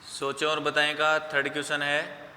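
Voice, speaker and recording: A male school teacher giving an online class lesson, explaining slowly and repeating each answer so students can write it down. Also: a little high, monotone, sharp tone. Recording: echoey room with faint background hum.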